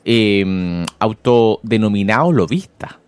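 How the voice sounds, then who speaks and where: A man with a Chilean accent hosts casual morning radio, reading listener messages aloud and making wry remarks about politics. His voice sits on the low side, with lively intonation, a slow pace and a clean tone, and there is no room sound.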